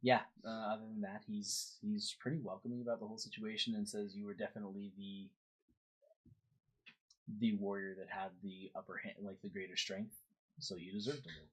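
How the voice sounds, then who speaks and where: A young man narrating as game master of a tabletop game, relaxed and rambling, with many fillers. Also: fairly low pitch, fairly quick, husky, low-quality recording.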